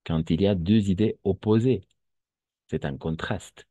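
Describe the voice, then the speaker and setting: A man's voice: low voice, measured pace, warm tone, husky, dry recording. A man teaching a French lesson to Spanish speakers, patient and repetitive, checking often that students understand.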